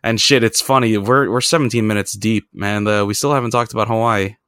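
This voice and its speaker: A man's voice: lowish voice, fairly even intonation, brisk, fairly bright tone, smooth, no room sound, clean studio sound. A man hosting a casual podcast chat, telling rambling, profane stories with laughs in between. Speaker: podcast host.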